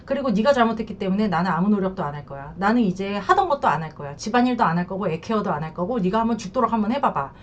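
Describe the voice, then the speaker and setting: A woman's voice: medium pitch, sing-song, rapid-fire, hardly any pauses, a little hiss or hum, natural voice. Woman putting on a furious, scornful betrayed wife. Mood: spiteful. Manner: taunting, scornful, bossy. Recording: dull lo-fi recording.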